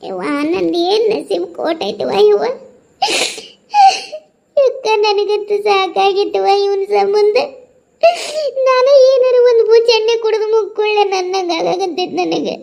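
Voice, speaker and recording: A woman's voice: very high-pitched, a little fast. A woman voicing a troubled young village wife in a cartoon, speaking plaintively. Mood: weary. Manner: plaintive, weary.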